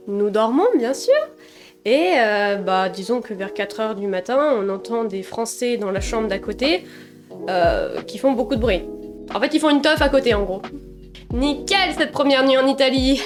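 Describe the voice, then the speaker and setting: A young woman talks straight to her audience in a casual storytime. Her voice sits high, and she tells her mishaps in a lively, self-mocking way. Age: young adult. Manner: animated, self-mocking, chatty. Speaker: vlogger.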